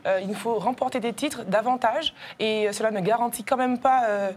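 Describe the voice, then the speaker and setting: A woman, an athlete guest on a TV show, answering in a measured, hesitant way. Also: fairly high pitch, darkish tone.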